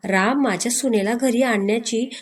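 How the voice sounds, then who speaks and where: A woman voicing a bossy old grandmother who scolds and orders everyone around in a slow, drawn-out way. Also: on the high side, lightly acted. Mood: fond bossy. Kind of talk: storybook reading.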